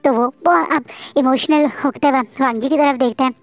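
A woman's voice: sits high, fairly even intonation, moderate pace, no echo. A woman narrating fan fiction in a dramatic, emotional storytelling manner. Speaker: fanfiction narrator.

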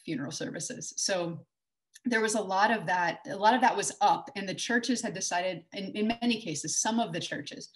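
A Texan woman in her forties gives an online conference talk with slides, speaking through a webcam on a video call. Her voice sits at a medium pitch and moves at a moderate pace, and her conversational delivery is full of fillers and restarts.

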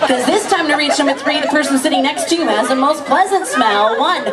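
A high-voiced woman works an outdoor stage as a comedy hypnotist, with theatrical, repeated commands and counting. Her amplified voice is picked up from far off, with a very loud crowd around it. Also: a little fast. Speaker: stage hypnotist and show host. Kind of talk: comedy stage hypnosis show patter to audience. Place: outdoor open-air amusement park stage. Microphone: handheld microphone through PA, recorded by distant camera. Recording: noisy crowd, distant PA outdoors. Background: loud crowd noise and laughter.

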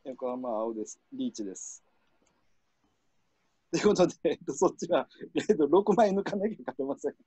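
A man with a Kansai accent hosting a word game, explaining rules in a relaxed, chuckling way. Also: a little high, normal speed, long pauses, slightly rough. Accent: Kansai Japanese. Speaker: game host and referee. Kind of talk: casual game commentary.

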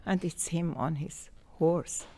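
An Icelandic woman, a choir conductor and native Icelandic speaker, talking slowly and searching for words in a casual interview in a dim rehearsal hall. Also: low voice, fairly even intonation, warm tone. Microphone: handheld interviewer's mic.

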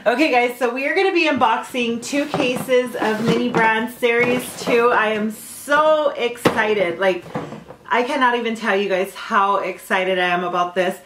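Young woman vlogger, playful and bossy, higher voice, roomy echo. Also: measured pace. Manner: playful teasing, bossy with her sister. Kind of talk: casual vlog chat. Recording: echoey room with light noise.

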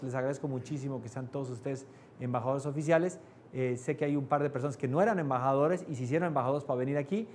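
A man teaching a live class to a small audience, often asking "¿no?" and raising or dropping his voice to stress points. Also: a little hiss or hum. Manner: varies pitch and loudness for emphasis, asks "¿no?" often. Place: class room with air conditioning.

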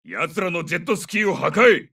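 A seasoned special forces captain from a military video game. His voice is sharp and tense, fairly high for a man and highly varied in pitch. He fires off terse, commanding battlefield callouts. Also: lively intonation, brisk, gravelly, slightly rough, recorded from a distance, exaggerated voice. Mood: brisk, businesslike. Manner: terse, commanding radio-call delivery. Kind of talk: military shooter combat callouts.

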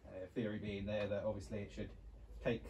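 A man's voice: fairly low pitch, flat delivery, fairly quick, darkish tone, slight background noise. A man giving casual commentary outdoors while trying to start an old tractor, hopeful and talking half to himself, filmed on a handheld phone. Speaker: vlogger restoring an old tractor. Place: outdoors beside an overgrown tractor.

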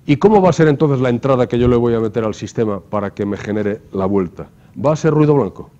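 A man's voice: medium pitch, lively intonation, quick pace, dark tone. A man lecturing to a class, explaining step by step and often checking in with rhetorical questions. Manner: explanatory, asks rhetorical questions with frequent tag "¿no?". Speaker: university lecturer. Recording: dull lo-fi lecture recording.

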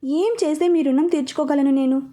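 A stern, hot-tempered young man who scolds and gives orders, as a woman storyteller reads him in her own mellow, high voice. Sharp and commanding in an audio storybook. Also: steady tone, brisk, lightly acted.

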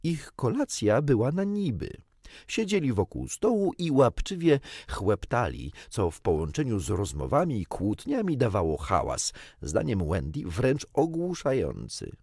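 A man reading a children's book aloud in an expressive, playful manner. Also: mid-range voice, measured pace, breathy edge, no room sound, studio quality. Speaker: audiobook narrator. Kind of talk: storybook narration.

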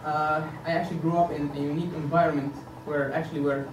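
A man in his thirties who grew up in Egypt stands at a podium in an indoor meeting room, earnestly and hesitantly presenting his campaign for a board seat, often filling gaps with "uh." His voice is somewhat high, and because a far-off camera picks it up, the room's echo and a constant background hiss are plainly audible.

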